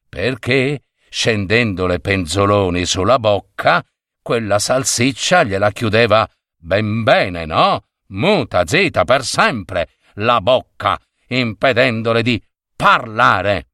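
A man's voice: medium pitch, fairly bright tone, no echo, studio quality. A man narrating a fairy tale expressively, with playful asides. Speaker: storyteller.

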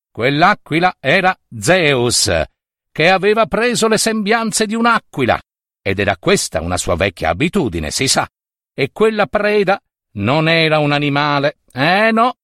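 A man's voice: fairly high pitch, a bit bright, no room sound, clean studio sound. A man narrating a myth dramatically, with chatty asides to the listener. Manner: theatrical, with conversational asides. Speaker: storyteller.

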